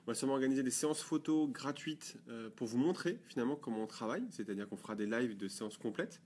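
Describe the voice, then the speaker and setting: A man's voice: medium pitch, fast, a little mellow, a little hiss or hum. A man co-hosting a photography blog video, chatting casually and rambling with fillers and restarts. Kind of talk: casual chat.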